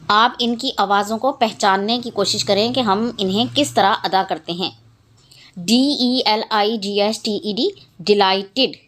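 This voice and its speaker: Female teacher, slow, measured delivery, fairly high voice, spells words aloud. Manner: reads English slowly, then explains quickly in Urdu. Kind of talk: exercise walkthrough for young pupils.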